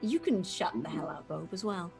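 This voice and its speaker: A woman chats as a tabletop player in a playful, casual way. Her pitch swings widely and lively over faint background music. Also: normal speed, gravelly, slightly rough. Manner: animated, playful. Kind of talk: casual chat during a tabletop game.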